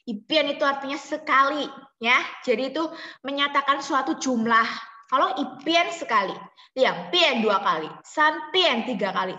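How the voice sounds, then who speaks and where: Woman teacher on a video call, high bright voice, patient, repeats examples, roomy echo. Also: dull audio. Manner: explains slowly, repeats examples, checks understanding. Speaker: Mandarin teacher. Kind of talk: online class lesson. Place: home room on a video call. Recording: echoey room with long reverb.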